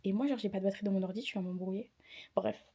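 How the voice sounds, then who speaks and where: A young woman talks straight to her camera in a casual vlog, tired and chatty as she retells a run-in at school. Her voice is mellow and soft-edged and sits in a middle register. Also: medium pitch, fairly even intonation, rapid-fire. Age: young adult. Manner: chatty, indignant retelling with quoted dialogue. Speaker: student vlogger.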